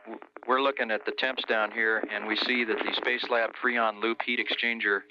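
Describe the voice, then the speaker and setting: A man's voice: fairly low pitch, level tone, moderate pace, noisy background. A man working as a mission control communicator, passing procedural messages over a radio. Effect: heard over a radio. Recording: slightly dull radio transmission.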